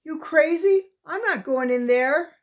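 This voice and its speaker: A woman's voice: high-pitched, expressive, unhurried, voice pushed up. A woman voicing a dazed, scared older boy in a storybook reading, doubtful and protesting.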